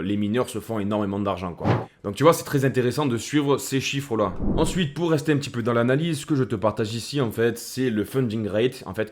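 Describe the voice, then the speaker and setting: A man's voice: mid-range voice, a little mellow. A man hosting a casual crypto commentary, speaking in a chummy way that addresses the viewer as a buddy. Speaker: crypto video host.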